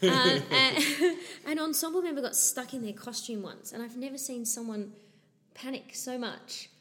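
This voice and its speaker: A woman's voice: sits high, moderate pace, sharp tone, big-room sound. A woman from northeast Scotland with a Scottish accent, chatting casually and giggling as a musical theatre performer being interviewed. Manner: chatty, giggly, says "to be honest" often.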